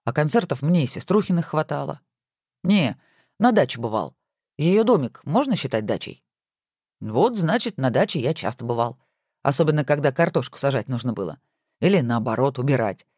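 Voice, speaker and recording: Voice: medium pitch, sing-song, moderate pace, darkish tone, no room sound, studio quality. A reader voicing a good-natured husband who banters playfully with his wife, in a storybook reading.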